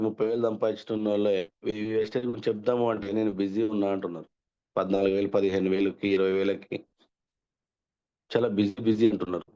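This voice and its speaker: Man, low voice, talks fast and rambles, dull lo-fi recording. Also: dark tone. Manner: chatty, rambling, self-correcting. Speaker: speaker sharing success story. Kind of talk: casual storytelling. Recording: dull lo-fi audio.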